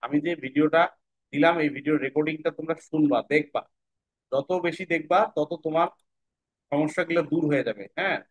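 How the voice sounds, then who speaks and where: A man teaching children to break English words into syllables, spelling each letter aloud and repeating every word slowly while checking they follow. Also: on the high side, poor audio. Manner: checks in often with "right?".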